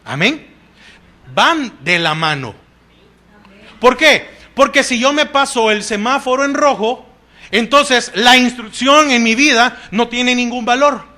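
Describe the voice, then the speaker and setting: A man's voice: extremely high pitch, lively intonation, slow, sharp tone. A man with a Salvadoran Spanish accent preaching a sermon in church, asking the congregation questions and answering them with frequent "amén".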